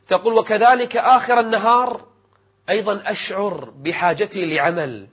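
A man preaching in formal standard Arabic as a programme presenter, with an emphatic, rhetorical delivery and a husky voice. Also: high-pitched, fairly bright tone. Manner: formal classical Arabic diction. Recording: dull, muffled lo-fi audio.

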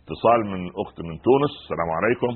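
A man's voice: lowish voice, animated, rapid-fire, a little hiss or hum. A man with an Egyptian accent gives a radio Quran commentary between calls, asking himself rhetorical questions and stumbling over repeated words. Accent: Egyptian Arabic. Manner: keeps asking rhetorical "what?" questions, stammers and restarts. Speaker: radio religious scholar taking calls. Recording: narrow phone-like radio sound.

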